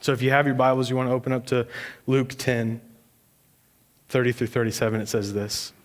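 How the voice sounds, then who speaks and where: A man's voice: medium pitch, flat delivery, fairly quick. A young man preaching a sermon in a church, telling a personal story in a casual, self-mocking way with laughs, then turning to scripture. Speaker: pastor.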